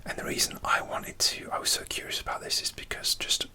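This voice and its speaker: A middle-aged ASMR creator speaking entirely in a breathy, unvoiced whisper, softly chatting in an informal way. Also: brisk.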